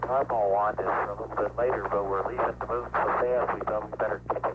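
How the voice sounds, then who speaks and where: A man, an astronaut, speaking briskly and matter-of-factly over a distant space radio transmission. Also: fairly low pitch, fairly even intonation. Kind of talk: mission radio exchange. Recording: noisy archival radio link.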